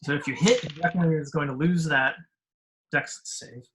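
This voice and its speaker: A game master running a tabletop game, relaxed and thinking aloud with fillers. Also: medium pitch, a little fast, noisy background.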